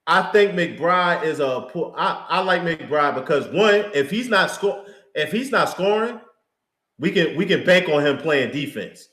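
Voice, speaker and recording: A man's voice: a little high, lively intonation, unhurried, a bit bright. A man co-hosting a live sports talk show, chatting in a laid-back, slangy way as a fan. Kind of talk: casual live sports chat. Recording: roomy echo.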